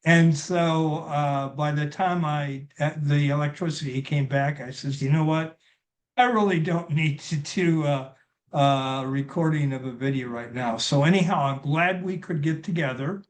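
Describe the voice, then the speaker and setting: Slow-talking man hosting a video call. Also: a little high. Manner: halting, many fillers and restarts. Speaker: interview host. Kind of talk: casual video-call interview.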